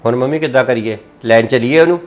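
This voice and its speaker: A man's voice: mid-range voice, fast talker. A man in a Punjabi family comedy sketch, complaining in a sulky way.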